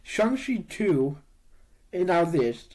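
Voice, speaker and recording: A man co-hosting a casual podcast chat, sniffly from allergies and talking in a relaxed, chatty way. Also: fairly high pitch, slow pace, low-quality recording. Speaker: podcast co-host.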